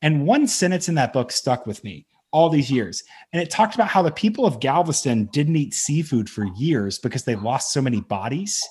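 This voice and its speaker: Husky rambling podcast co-host. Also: male voice, mid-range voice, big pitch swings, moderate pace, few pauses, darkish tone. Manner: rambling storyteller, self-correcting. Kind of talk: casual podcast chat.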